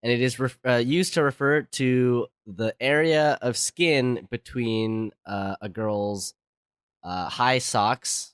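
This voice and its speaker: A man's voice: mid-range voice, clear, resonant tone, no room sound. A man co-hosting a podcast in casual chat while ill, with a dry joking manner. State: sick, ill voice. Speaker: podcast co-host.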